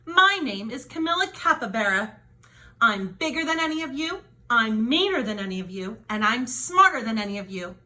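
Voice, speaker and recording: A woman voicing a big, mean, boastful young female capybara in a storybook, loud and bossy. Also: on the high side, sing-song, normal speed, exaggerated voice, poor audio. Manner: loud, bossy, show-off delivery.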